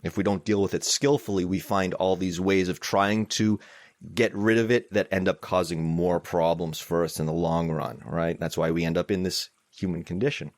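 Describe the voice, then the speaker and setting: A man's voice: sits low, fairly even intonation, moderate pace, no echo. A middle-aged man teaching mindfulness in a live talk, candid and self-deprecating in a conversational way. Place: meetup room.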